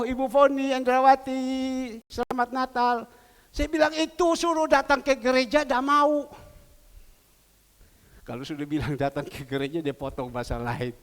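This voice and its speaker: A male pastor, preaching and retelling phone calls as animated dialogue. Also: extremely high pitch. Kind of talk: sermon. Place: church hall. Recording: reverberant church hall.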